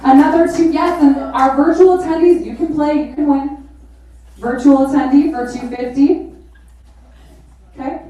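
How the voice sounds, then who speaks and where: A woman's voice: high-pitched, steady tone, normal speed, long pauses, mellow. A woman hosting a live charity auction, calling bids and chatting informally and exclamatorily with bidders. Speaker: charity auctioneer and event host. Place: large echoey event venue with a live audience. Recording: echoey hall, distant PA, crowd.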